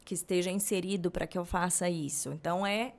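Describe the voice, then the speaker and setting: A woman's voice: fairly low pitch, brisk, creaky. A woman from Brazil, hosting a podcast in casual conversation, who retells a friend's story and quotes her at length. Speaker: podcast host.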